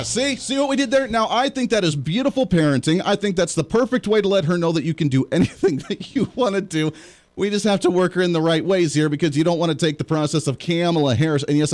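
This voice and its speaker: Joking talk show host, higher-pitched man. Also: a little mellow. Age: young adult or middle-aged parent. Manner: joking, sarcastic, rambling asides. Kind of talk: casual political talk show monologue.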